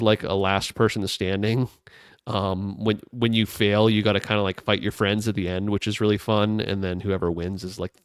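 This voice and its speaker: Man, podcast co-host, relaxed rambling chat, clear smooth tone, dry close sound. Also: lowish voice, no echo. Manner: relaxed, rambling, many fillers. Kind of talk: casual gaming podcast chat.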